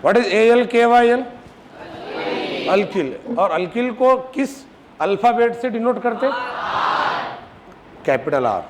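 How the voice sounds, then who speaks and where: A man teaching a chemistry class in a classroom, firing repeated questions at students and scolding them when they are slow to answer. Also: very high-pitched, lively intonation, crowd noise. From Maharashtra, India. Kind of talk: classroom lecture. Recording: noisy classroom recording.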